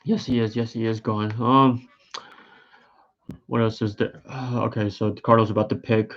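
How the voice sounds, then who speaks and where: A man's voice: fairly low pitch, flat delivery, normal speed, muffled recording. A tired, yawning man giving rambling, hesitant live-stream commentary, full of fillers and restarts. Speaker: sports streamer.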